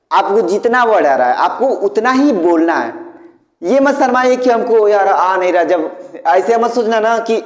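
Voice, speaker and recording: A man from India teaching spoken English in a casual lesson, explaining with homely examples and checking in often with the class. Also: high voice. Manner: explains with homely examples and repeated "theek hai". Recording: echoey room with long reverb.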